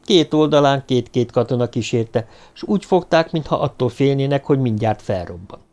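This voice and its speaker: A man narrating an audiobook in a steady, even delivery. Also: medium pitch.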